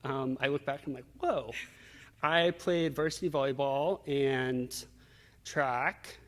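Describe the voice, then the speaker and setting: Speaking slowly in a mid-range voice, a man shares personal stories as an interview guest, reflective and casual, with acted-out asides. The recording carries a reverberant, hall-like echo.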